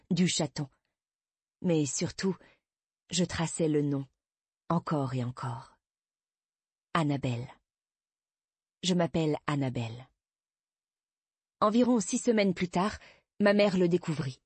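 A woman narrating a literary audiobook in first person, measured and intimate. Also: low voice, darkish tone, no echo.

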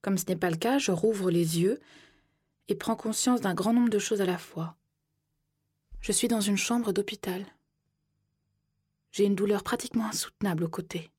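A woman narrating an audiobook in the first person, soft and measured, often slipping into whispers. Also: mid-range voice, breathy edge, dry recording, studio quality.

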